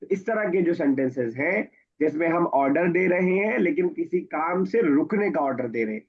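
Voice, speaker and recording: A man's voice: fairly high pitch, expressive, moderate pace, a little hiss or hum. A man teaching an Arabic grammar class, patiently explaining and quizzing his students. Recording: dull lo-fi recording.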